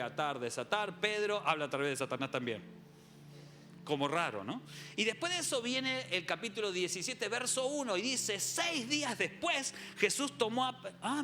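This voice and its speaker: Man, preacher, high pitched, bright voice, jokey, animated, quizzes audience. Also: a little hiss or hum. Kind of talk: humorous youth sermon.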